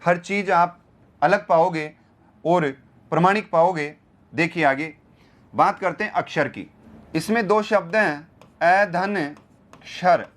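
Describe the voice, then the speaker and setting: Male grammar lecturer, high voice, unhurried delivery, repeats terms and quizzes the class rhetorically. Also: a bit bright. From India. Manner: repeats key terms and asks rhetorical questions. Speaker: Hindi grammar teacher. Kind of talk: exam-prep grammar lecture.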